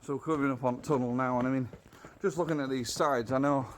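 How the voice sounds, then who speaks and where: A man's voice: mid-range voice, steady tone, fast, slight background noise. A middle-aged man with a Yorkshire accent, narrating a casual walking vlog outdoors into a handheld phone in a chatty, down-to-earth way, thinking aloud. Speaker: vlogger, walking guide. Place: outdoors on a wooded trail. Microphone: phone held at arm's length.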